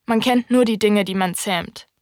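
A woman voicing a wise, wistful fox in an audiobook reading, speaking in a calm, thoughtful, explaining way. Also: medium pitch, moderate pace, no room sound, clean studio sound, lightly acted. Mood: patient.

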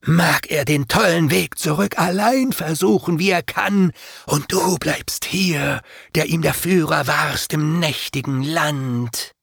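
A menacing crowd of fallen angels hisses from behind a gate in this storybook reading, with a man voicing them. The voice climbs high and crawls along slowly, and each word comes out hissed and gritty over a dry, close sound. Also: gravelly, fairly bright tone, husky, dry recording, full character voice. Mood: scornful. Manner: hissing, drawn-out, menacing.

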